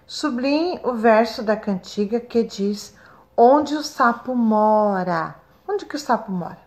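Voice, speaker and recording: A Brazilian woman with a slightly high voice records a lesson for first-grade pupils. She talks slowly and kindly, stretching syllables out and checking in with the children often. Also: expressive, darkish tone. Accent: Brazilian Portuguese. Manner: slow, sing-song, stretches syllables for children.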